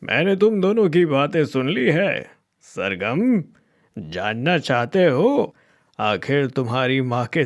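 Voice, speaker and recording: A man voicing a wise, kindly old magic tree in a cartoon, speaking in a slow, chanting sing-song. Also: mid-range voice. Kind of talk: cartoon voice acting.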